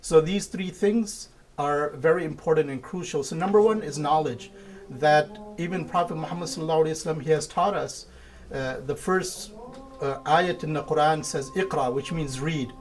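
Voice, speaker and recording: Man from India, a mosque imam, somewhat high-voiced, steady and methodical in interview. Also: slight background noise. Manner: measured, lists points one by one. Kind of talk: interview answers.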